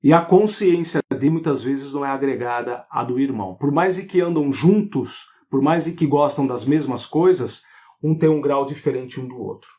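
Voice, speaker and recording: A man hosting a live online talk on spiritual therapy, animated and full of rhetorical questions. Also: mid-range voice, moderate pace.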